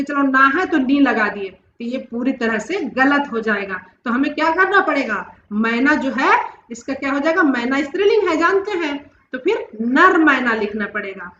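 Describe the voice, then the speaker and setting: A woman's voice: high-pitched, bright, forceful tone, reverberant, lo-fi sound, slight background noise. A woman teaching a grammar lesson, explaining step by step and asking herself questions before answering them. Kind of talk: classroom-style grammar lesson.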